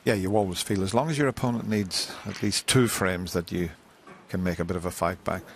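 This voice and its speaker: A man giving hushed live snooker commentary in a measured, understated way, with unhurried phrasing. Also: low voice. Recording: live broadcast with faint arena noise.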